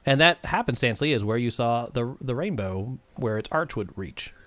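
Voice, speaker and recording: A man's voice: medium pitch, expressive, moderate pace, fairly bright tone, no room sound. A man hosting and narrating a tabletop game as game master, casual and jokey, feeling for his words. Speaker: game master and stream host.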